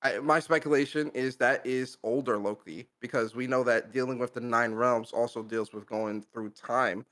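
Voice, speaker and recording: Excitable man hyping a game. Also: medium pitch, moderate pace, hardly any pauses. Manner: excitable, hyped, laughs often, repeats words. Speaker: podcast co-host. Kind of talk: casual podcast chat.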